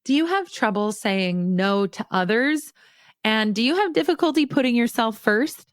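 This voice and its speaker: A woman's voice: fairly high pitch, animated, normal speed, clean tone, no room sound, clean studio sound. A woman hosting a podcast, upbeat and encouraging as she introduces a guest and asks questions. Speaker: podcast host. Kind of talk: podcast interview.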